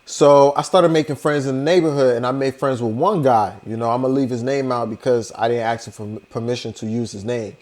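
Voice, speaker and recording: A man's voice: medium pitch, fairly even intonation, fairly quick, few pauses, darkish tone. A young man, casually telling a personal story to his vlog audience, laid-back and loose, full of "you know" and "like". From Liberia. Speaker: vlogger.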